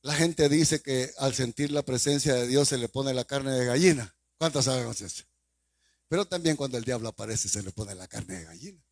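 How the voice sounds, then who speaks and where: A male pastor with a Salvadoran accent preaching a sermon, firing repeated rhetorical questions at the congregation with sudden loud bursts. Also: mid-range voice, moderate pace, no room sound. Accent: Salvadoran Spanish.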